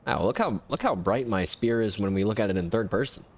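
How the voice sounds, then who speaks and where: A man's voice: lowish voice, animated, a little fast. A man giving casual, jokey let's-play commentary while playing a game. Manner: chatty, jokey, self-mocking. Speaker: gameplay commentator.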